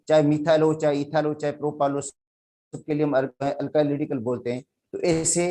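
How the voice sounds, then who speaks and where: A man's voice: on the high side, warm tone. A man from Pakistan with a Sindhi accent, teaching chemistry in a classroom lecture and explaining step by step while calling his students "beta".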